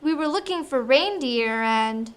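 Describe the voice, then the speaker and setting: A woman's voice: sits high, animated, measured pace. A female performer playing a sensible, exasperated older-sister girl in a family drama. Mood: relieved, dry. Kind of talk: acted family film dialogue.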